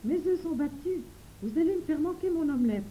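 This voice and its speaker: A woman's voice: high-pitched, a little fast, slight background noise, rough recording. A woman voicing eager, bossy little girls in an audiobook. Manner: lively, bossy. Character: young girls, eager and impatient. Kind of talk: audiobook character reading.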